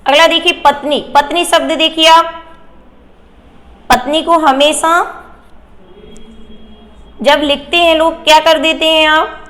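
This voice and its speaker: A woman teacher giving a Hindi grammar lesson, explaining slowly and asking and answering her own questions. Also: sits high, level tone, a bit bright.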